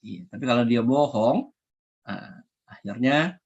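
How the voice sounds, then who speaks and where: A man's voice: medium pitch, unhurried, creaky, breathy edge, lo-fi sound. A man preaching as a pastor, talking to the congregation in a chatty, conversational way and often calling them brothers and sisters. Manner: conversational, repeatedly addresses the congregation as "saudara". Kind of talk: sermon.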